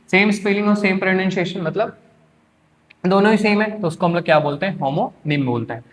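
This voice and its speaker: A young man with a somewhat high voice gives an exam-prep English lesson. His is clear as he keeps quizzing students with rhetorical questions and answering them himself. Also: a little hiss or hum. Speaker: English teacher.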